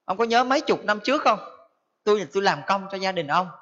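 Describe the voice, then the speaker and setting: Man doing a calm dutiful son. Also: high voice, fast talker. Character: grateful dutiful son saying farewell. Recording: dull lo-fi recording.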